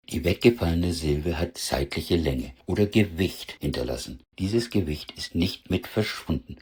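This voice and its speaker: A man with a northern German accent teaching a dialect lesson, pronouncing example words slowly and carefully. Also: a bass voice, a little mellow, husky. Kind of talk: explanatory lesson with spoken word examples.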